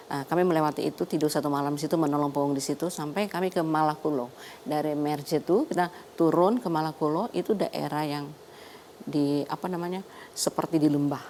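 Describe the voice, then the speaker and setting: An older woman with a low voice speaks as a guest in a TV studio interview. She tells her story in a lively way and laughs often. A faint hiss sits under her voice. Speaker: doctor and guest. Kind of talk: talk show interview.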